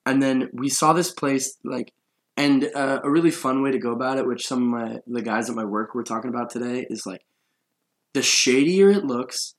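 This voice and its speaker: A man's voice: medium pitch, moderate pace. Rambling young man telling a story. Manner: rambling storyteller, laughs often. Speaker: podcast host. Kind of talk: casual chat.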